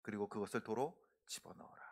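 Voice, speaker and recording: A middle-aged male pastor giving a sermon in a church, preaching earnestly, pressing his points hard and letting his sentence endings fall soft. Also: on the low side, quick pace, slightly rough. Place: church sanctuary.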